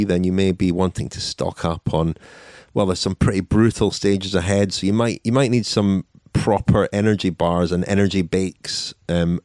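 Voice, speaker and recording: A man co-hosting a podcast, reading a sponsor message and introducing a clip in a brisk informal way. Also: lowish voice, no echo, clean studio sound. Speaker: podcast co-host. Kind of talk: sponsor read and casual chat.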